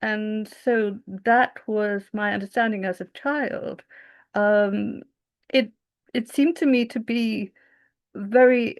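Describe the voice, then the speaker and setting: A woman's voice: mid-range voice, fairly even intonation, takes it slowly. A woman from England, a guest in an interview, speaking reflectively and searching for her words. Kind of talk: conversational interview.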